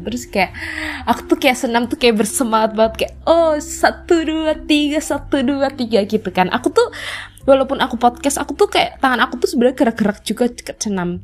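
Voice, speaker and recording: A young woman hosting a podcast, telling childhood stories in a chatty, filler-heavy way and acting out old quotes. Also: mid-range voice. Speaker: podcast host. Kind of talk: casual storytelling chat.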